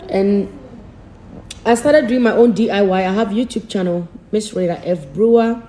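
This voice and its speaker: Woman, emotional personal vlog, repetitive storytelling, soft warm tone, faint background noise. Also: mid-range voice, rough recording. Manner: slow, repetitive storytelling with simple phrasing; emotional, soft-spoken confiding. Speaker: vlogger.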